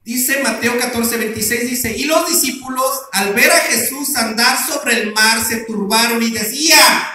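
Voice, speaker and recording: High-voiced pastor in an echoey church. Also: male voice, unhurried, bright, forceful tone, a little hiss or hum. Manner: asks the congregation questions and answers them himself. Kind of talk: sermon. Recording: very echoey room.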